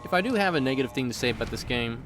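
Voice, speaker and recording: A man with a medium-pitched, animated voice speaks very fast as he narrates a scripted video game review, dropping playful, jokey asides. Music plays under his voice.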